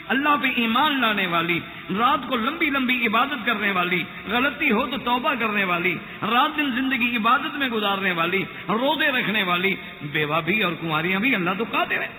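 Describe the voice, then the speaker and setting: An older man from Makkah delivers a storytelling sermon and chants verses in Arabic. His voice sits high and rings very bright. The recording is from a hall with a long echo and a faint hiss. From Makkah, Saudi Arabia. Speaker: preacher. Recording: echoey hall with long reverb.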